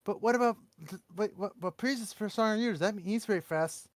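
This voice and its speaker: A young man co-streaming a game, chatting excitably and yelling back when he is teased. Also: high-pitched, a little fast, dry recording, studio quality. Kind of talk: casual chat while gaming.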